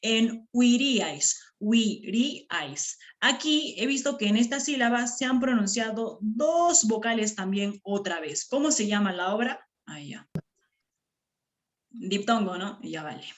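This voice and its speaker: A woman teaching a grammar lesson to her class, stretching words out syllable by syllable and checking in with short questions. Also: medium pitch.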